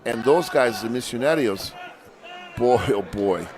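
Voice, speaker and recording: A man's voice: mid-range voice, animated, measured pace, a crowd in the background. A man giving conversational, emphatic analysis as color commentator on a lucha libre match. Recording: noisy outdoor live event sound.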